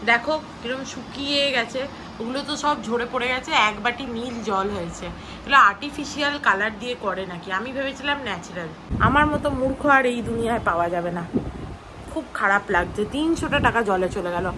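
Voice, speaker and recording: A young woman vlogs her day at home and chats casually to her viewers while she works. Her voice sits a little high. There is a clear layer of noise from a busy street outside. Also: lively intonation, fast talker. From West Bengal. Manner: chatty, talking to viewers while doing chores. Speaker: vlogger. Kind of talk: casual daily-life vlog narration. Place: home, indoors.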